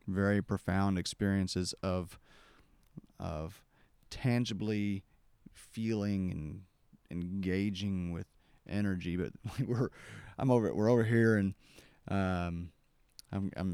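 Gravelly, deep-voiced male podcast host. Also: a little mellow, dry recording. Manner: rambling, with many restarts and acted-out quotes. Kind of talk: casual storytelling conversation.

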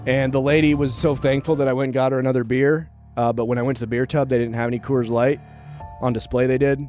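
A young man co-hosting a sports talk show, telling a story in an animated, swearing way and mimicking people. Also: medium pitch, fast talker, soft background music. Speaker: co-host. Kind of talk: casual sports radio chat.

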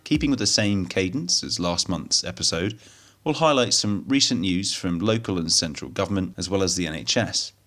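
This is the host of a tech news roundup: a man with a low voice delivering a scripted read at an even, measured rhythm.

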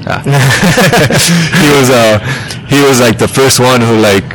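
This thirtysomething man is a musician guesting on a podcast, and his casual talk wanders, packed with fillers and false starts. He speaks slowly in a medium-pitched, expressive voice over a noisy background.

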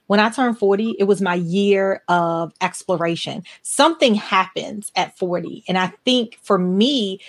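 A woman in her forties hosting a podcast interview, telling personal stories in an earnest, emphatic way. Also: mid-range voice. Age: 40s. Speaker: podcast host. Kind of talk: conversational interview.

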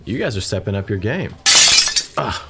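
A man's voice: on the low side, sing-song, normal speed, gravelly, over loud music. A man playing a charming, easygoing restaurant owner.

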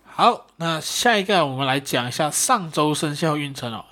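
Young male podcast host; lively, self-mocking storytelling; fairly high voice. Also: normal speed. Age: young adult. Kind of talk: casual solo podcast storytelling.

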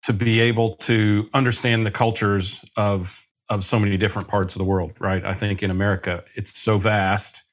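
Laid-back guy co-hosting a podcast, kinda low voice, jokey. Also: little pitch movement, normal speed, hardly any pauses. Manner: easygoing, joking. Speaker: podcast co-host. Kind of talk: casual interview chat.

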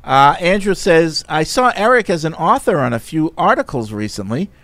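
A man with a gravelly, fry-edged voice co-hosts a sports podcast. He reads listener questions and adds dry, wry asides in relaxed chat. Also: a little high, normal speed. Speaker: podcast co-host.

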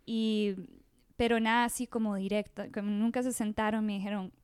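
Speaking at a normal pace, this thirtysomething woman from Costa Rica has a mid-range, slightly dark voice that barely moves in pitch and sounds clean. As a podcast guest she chats her way through a personal story, often starting sentences over and leaning on fillers. The studio-quality recording has no room sound.

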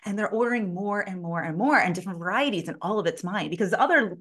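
A woman sales consultant telling a lively story in a casual interview, full of "like" fillers and casual swearing. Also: mid-range voice, quick pace. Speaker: sales consultant and podcast guest.

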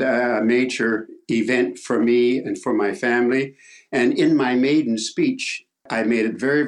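An older Canadian man, a guest on an interview show, telling a story in a halting way with repeated words. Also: medium pitch. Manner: halting, repeats words, acts out quoted voices.

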